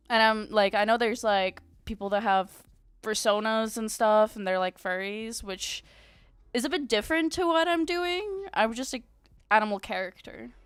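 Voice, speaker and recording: Chatting casually from home with her viewers, this young VTuber is bubbly and talkative, dropping lots of "like"s and giggling often. She has a clear, resonant, medium-pitched voice with no room sound.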